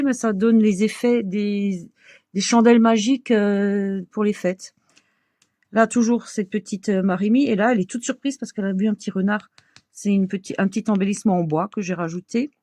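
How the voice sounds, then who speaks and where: Older woman, Alsatian accent, homely chatty show-and-tell voice, mid pitch, dry close sound. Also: dry recording. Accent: Alsatian French. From Alsace, France. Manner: chatty, homely, many small fillers and soft laughs. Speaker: craft vlogger. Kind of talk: casual show-and-tell chat.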